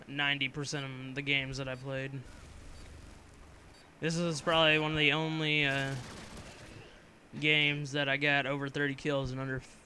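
A young man giving a casual, rambling voice-over commentary on his own gameplay, joking and filling pauses with "uh" and "yeah" while fighting a cough. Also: mid-range voice, bright, forceful tone, slight background noise. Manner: rambling, joking, filler-heavy. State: coughing from a cold.

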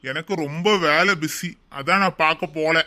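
A man's voice: fairly high pitch, normal speed, bright, forceful tone. A man voicing a selfish, busy older brother who brushes off his sister in a cartoon. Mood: dismissive. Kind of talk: cartoon voice acting.

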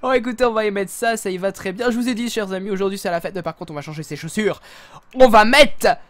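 A man's voice: sits high, very fast. Playful, exclamatory male game streamer. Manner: playful, exclamatory, self-mocking. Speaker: gaming streamer. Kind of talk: casual live gameplay commentary.

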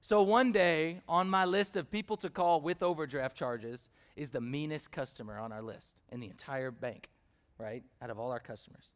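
A man's voice: fairly high pitch, moderate pace, hardly any pauses. A man preaching a sermon, telling personal stories in a conversational way, with fillers and questions put to the congregation. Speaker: pastor.

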